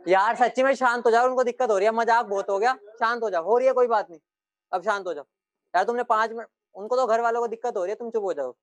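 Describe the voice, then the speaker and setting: A man's voice: extremely high pitch, fast talker. A young male teacher giving a classroom lecture, joking with his students and then firmly explaining points.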